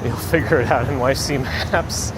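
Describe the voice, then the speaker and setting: A man's voice: medium pitch, normal speed. A man live streaming on a walk outdoors, chatting casually with viewers in an unpolished, conversational way. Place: outdoors, walking on city streets and a bridge. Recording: loud outdoor city traffic noise. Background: traffic, vehicles, urban ambience.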